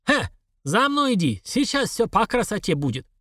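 A man doing a husky Caucasian market seller. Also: big pitch swings, normal speed, no room sound, studio quality, full character voice. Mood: brash. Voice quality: husky baritone. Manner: broken Russian, brash and loud. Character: stocky Caucasian man selling onions, brash.

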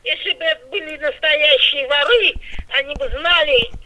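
A woman's voice: sits high, moderate pace, pushed and bright. An older woman on a phone call, blunt, suspicious and swearing constantly. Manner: foul-mouthed, suspicious and blunt. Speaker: prank call target. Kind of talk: phone conversation. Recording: tinny phone line.

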